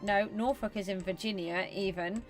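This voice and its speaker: This English gaming streamer chats casually in a British accent as she plays a building game live, often saying "um" while she thinks aloud. Her voice sits in the mid range at a moderate pace, the recording is low quality, and faint music can be heard.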